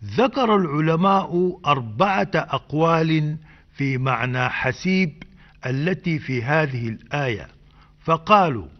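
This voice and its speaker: A man hosting a radio program, slowly explaining the meanings of Arabic words in a measured, scholarly way. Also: on the high side, animated. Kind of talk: slow scripted language lesson. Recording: dull old radio broadcast.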